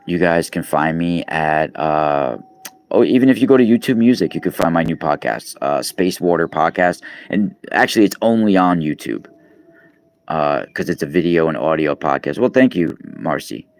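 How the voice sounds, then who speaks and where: A New York man in his 40s, a podcast host and radio guest from the East Coast, chats casually on a live stream. His voice is low and animated at a moderate pace, and he rambles with lots of fillers and restarts.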